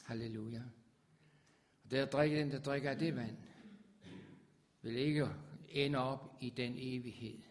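A man preaching a sermon with fervor, his voice swelling loud on scripture. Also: mid-range voice, fairly even intonation, pauses often.

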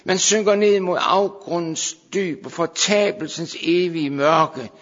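A man preaching a sermon, moving between hushed, slow pleading and raised, urgent calls to his listeners. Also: sits high. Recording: dull sound with long hall reverb.

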